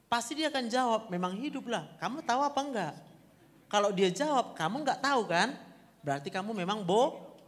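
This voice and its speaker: A man's voice: high voice, expressive, brisk, big-room sound. A man who is a doctor, answering audience questions in a blunt, teasing manner, with a Medan Indonesian accent. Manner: blunt, teasing, laughing often. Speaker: doctor giving a talk. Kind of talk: Q&A talk.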